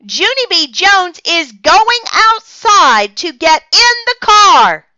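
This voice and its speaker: A woman voicing an excitable little schoolgirl who hollers and squeals at the top of her voice, on a slightly muffled dry recording. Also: very high-pitched, slow, no echo, pitched above the performer's own voice, heavily acted. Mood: excited. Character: shrieking, excitable little schoolgirl, bossy and loud.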